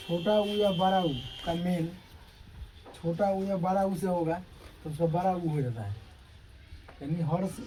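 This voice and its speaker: A man's voice: high-pitched, mellow, slight background noise, low-quality recording. A male teacher giving a classroom grammar lecture, explaining step by step and often checking that students understand.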